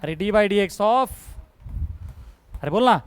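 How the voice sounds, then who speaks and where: A man teaching math in a classroom, drilling students to answer out loud, scolding and joking as he mixes in English terms. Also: sits high, expressive, very slow, clear, resonant tone, dry recording, rough recording. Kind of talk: classroom lecture.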